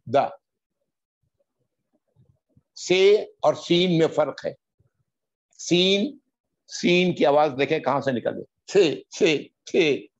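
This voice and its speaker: A man gives a word-by-word Arabic grammar lesson in a somewhat high voice. He draws out each Arabic word slowly, then hurries through the explanation. The recording sounds dull and lo-fi. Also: darkish tone. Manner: drawn-out recitation of Arabic words between quick explanations. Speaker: Quran Arabic teacher.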